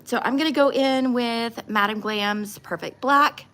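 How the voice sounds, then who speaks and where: A woman with a fairly high, slightly bright voice hosts a casual livestream while doing nail art. At a measured pace, she chats informally and gives blunt opinions, mixing in true crime commentary.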